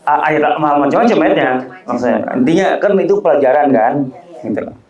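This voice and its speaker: A man's voice: fairly high pitch, animated, fairly quick, a little mellow, muffled recording. Joking preacher man, lilt, echoey. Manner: joking, conversational, rising emphatic peaks. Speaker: Islamic preacher. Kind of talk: religious study talk. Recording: roomy echo.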